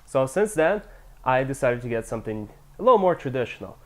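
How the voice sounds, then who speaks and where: A man getting over a cold, speaking with a nasal, stuffy voice as he reviews camera gear in a relaxed, loosely scripted way. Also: medium pitch, brisk. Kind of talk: casual product review.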